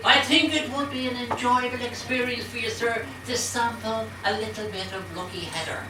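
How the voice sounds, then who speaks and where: Woman as a high-voiced wheedling panto heather seller. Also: moderate pace, close to an everyday voice. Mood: coaxing. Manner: coaxing, theatrical. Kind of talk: broad amateur pantomime stage acting. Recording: echoey noisy stage, audience, from far off.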